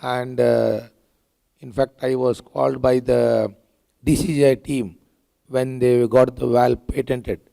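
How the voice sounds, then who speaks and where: A hoarse man with an Indian English accent, a cardiac surgeon speaking haltingly on a conference panel. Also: mid-range voice, little pitch movement, mellow. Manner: halting, with many filler pauses. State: hoarse, lost his voice.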